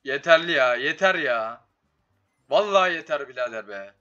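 Bright, forceful man with tired voice. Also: mid-range voice, lively intonation, normal speed, muffled recording. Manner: slangy, swearing, talking to the game. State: slightly sick, voice giving out. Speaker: slot game streamer. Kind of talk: casual live gameplay commentary. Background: game music.

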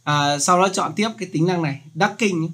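A man's voice: a little high, a little fast, fairly bright tone. Chatty man explaining. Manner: chatty, joking, loose explanatory talk. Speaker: software tutorial host. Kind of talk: casual screen-recorded tutorial.

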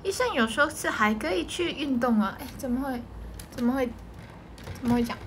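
A woman's voice: high-pitched, lively intonation, fairly quick, slight background noise. A young woman with a Taiwanese Mandarin accent, chatting on a livestream from home, answering comments and laughing often. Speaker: idol group member livestreaming. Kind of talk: casual livestream chat.

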